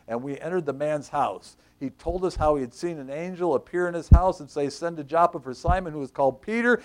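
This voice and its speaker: A male pastor preaching a sermon, animated and conversational, acting out the scripture figures and dropping to a whisper for emphasis. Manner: animated, acts out the Bible figures with shifts in pitch and volume.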